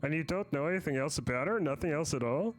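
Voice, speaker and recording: A calm detective asking plain, direct questions, as a man reads him from a game. His voice is slightly raised, and faint music plays underneath. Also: on the high side, fast talker, lightly acted, poor audio.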